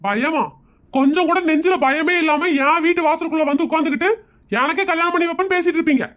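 Cranky young cartoon dude, yells at the neighbours, fast talker. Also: female voice, extremely high pitch. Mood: angry. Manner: scolding, shouting. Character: short-tempered young man fed up with nosy neighbours. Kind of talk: cartoon comedy voice acting.

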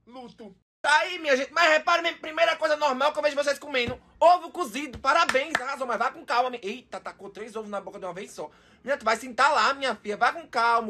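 A man with a Northeastern Brazilian accent giving comic reaction commentary on videos, full of quick exclamations and mock outrage. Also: high-pitched, sharp tone.

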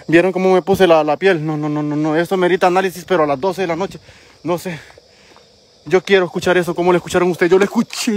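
A nervous man with a Honduran Spanish accent narrates his ghost hunt outdoors at night, high in pitch. He drops to hushed whispers, then bursts into frightened calls and repeats himself as he reacts to every sound. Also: slight background noise. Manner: jumpy, alternating whispers and frightened exclamations. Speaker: paranormal vlogger. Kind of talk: ghost-hunting vlog narration.

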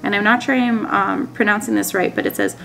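A woman in her thirties from Minnesota, USA, a homesteading vlogger, speaks briskly in a medium-pitched, creaky, slightly bright voice while soft music plays. Seated at a wooden table in a small indoor dining room, she shows seed packets and chats casually and upbeat to camera, with lots of ums.

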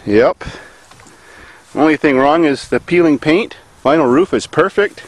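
Standing in a grassy farm field, a man hosting a car vlog keeps up a folksy, humorous running commentary as he works hands-on, recorded on a handheld camera mic. He speaks at a measured pace with a fairly high pitch. The audio is low-quality, with steady background noise.

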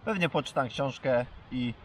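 A man talking casually to the camera as a vlogger, halting and pausing mid-sentence. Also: medium pitch. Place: outdoors at a lakeside campsite. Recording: faint wind and outdoor noise.

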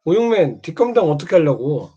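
A man's voice: fairly high pitch, sing-song, brisk, dark tone, breathy edge. A man taunting and scolding another streamer in a mocking monologue, prodding again and again with short questions. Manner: needling, keeps prodding with "eh?". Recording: dull lo-fi sound.

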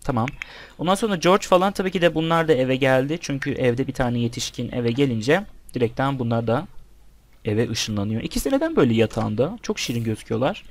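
A young man giving casual let's-play commentary, chatting with the game's characters and with his viewers as he plays. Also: medium pitch. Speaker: gameplay commentator.

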